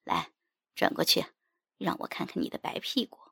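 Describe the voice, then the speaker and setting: A woman voicing a brash, teasing young master, dropping into a husky, gravelly whisper. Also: on the low side, huge pitch swings, moderate pace, fairly bright tone, dry recording, studio quality, pitched below the performer's own voice, full character voice. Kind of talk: storybook character voice.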